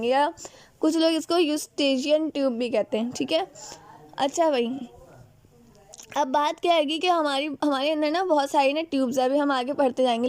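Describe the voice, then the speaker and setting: A high-voiced woman teaches biology with a Pakistani Urdu accent. She explains step by step, keeps asking questions and answering them herself, and switches into English terms. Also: a little mellow, no echo. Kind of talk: classroom biology lecture.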